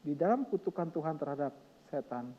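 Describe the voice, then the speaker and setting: A middle-aged man preaching a sermon as pastor, emphatic and passionate, moving between loud exclamations and soft, tender lines. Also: a little high, very animated, a little fast, big-room sound, lo-fi sound.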